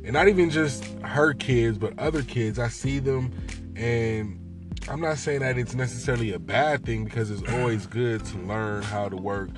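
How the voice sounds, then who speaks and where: A man's voice: medium pitch, normal speed, music in the background. A man in his thirties co-hosting a casual chat show, talkative and cursing, often saying "you know what I'm saying". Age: 30s. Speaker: podcast co-host.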